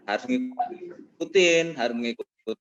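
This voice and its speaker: A man's voice: fairly high pitch, lively intonation, unhurried, dull audio. Man on a video call, cutting out. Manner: hesitant, many "eh" fillers, ends phrases with "ya". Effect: voice breaking up over a bad connection. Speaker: school official giving a welcome address. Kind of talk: speech to pupils over an online class.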